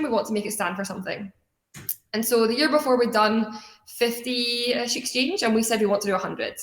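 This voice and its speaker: A student organization leader, a young adult woman from Scotland, shares a motivating personal story in her keynote talk. Her delivery is earnest and conversational, her voice medium in pitch and slightly bright, and the recording has echoey room sound.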